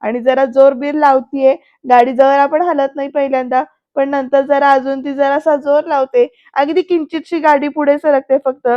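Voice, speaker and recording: A woman narrates a recap of a TV serial episode and talks straight to her viewers. Her voice is high and stays fairly level. The voice-over is dry and sounds a little dull and lo-fi. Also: little pitch movement, normal speed, few pauses, no echo. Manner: chatty, addresses the viewers directly.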